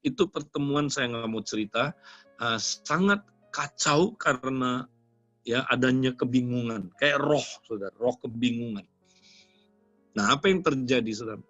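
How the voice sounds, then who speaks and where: A man's voice: medium pitch, moderate pace, a bit bright, dry recording. Casting: older male preacher, storytelling sermon, dull dry recording with faint music under it. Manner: storytelling preaching, constantly addressing listeners as "saudara". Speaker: pastor.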